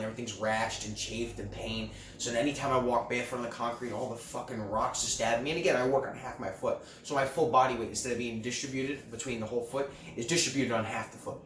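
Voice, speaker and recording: A young man vlogging, telling a story casually with lots of swearing and self-mockery. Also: mid-range voice. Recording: roomy, distant mic with faint background noise.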